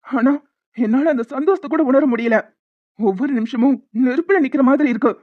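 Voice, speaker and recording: A young cartoon husband, hurt and quick to anger, as a voice actor plays him. He talks with raw, bitter force and sinks into soft remorse. The sound is dry and lo-fi. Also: extremely high pitch, no room sound. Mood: angry. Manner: shouting, bitter, then softly pleading. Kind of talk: Tamil cartoon voice acting. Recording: dull lo-fi sound.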